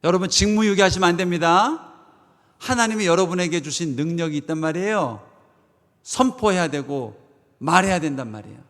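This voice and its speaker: A man's voice: high-pitched, lively intonation, brisk. Dramatic preacher man, reverberant sanctuary. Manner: dramatic, swings from loud proclamations to hushed asides; asks the congregation rhetorical questions. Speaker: pastor. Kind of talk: Sunday sermon. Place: church sanctuary. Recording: long church reverb.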